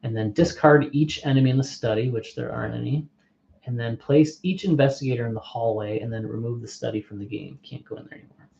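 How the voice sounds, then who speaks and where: A man chatting his way through a board game session, thinking aloud as he sorts out the rules and asks his viewers where to go next. His voice is mellow and relaxed. The recording is somewhat dull, and the room adds a noticeable echo. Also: mid-range voice, quick pace, vocal fry. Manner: thinks aloud, reads card text, asks unseen viewers. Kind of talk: casual play-through commentary. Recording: muffled, echoey room.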